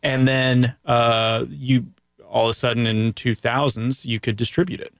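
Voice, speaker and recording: A man hosts a laid-back radio talk show, his voice gravelly with a mid-range pitch. He jokes and rambles easily, heard on a dry, close studio mic. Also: fairly even intonation, a little slow, dry recording. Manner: joking, rambling, easygoing. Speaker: radio host. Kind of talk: casual radio chat.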